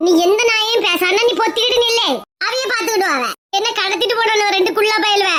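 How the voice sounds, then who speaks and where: A woman's voice: extremely high pitch, fairly even intonation, fast. A woman playing a quarrelsome, bossy village woman in a comedy skit, scolding and mocking. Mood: furious. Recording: loud background noise.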